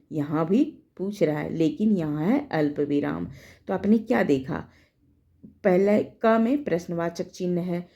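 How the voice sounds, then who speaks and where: Slow, low, gravelly-voiced woman teacher. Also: mellow, muffled recording. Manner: slow, explanatory, repeats points. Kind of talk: Hindi grammar lesson.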